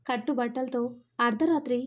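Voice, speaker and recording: A woman's voice: a little high, steady tone, moderate pace, highs cut off, natural voice. A woman voicing a grown son in a storybook reading, pleading with his father. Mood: worried.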